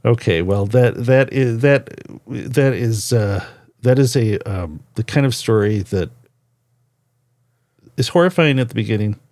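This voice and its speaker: A man hosting a casual chat podcast, playful and teasing, often pausing and restarting as he thinks. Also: mid-range voice, a little mellow, no echo, studio quality. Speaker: podcast host.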